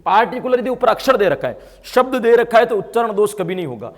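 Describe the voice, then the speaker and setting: Emphatic high-pitched Indian male teacher. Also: sing-song, quick pace, long reverb tail. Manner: explains by asking and answering his own questions, with frequent tag questions; grows louder and more emphatic when stressing key points. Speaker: exam-prep teacher. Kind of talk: online class lecture.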